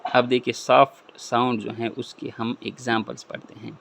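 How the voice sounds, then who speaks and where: Gravelly flat-voiced man teaching phonics. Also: mid-range voice, slight background noise. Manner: repeats example words and asks questions he answers himself. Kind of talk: classroom-style explanation.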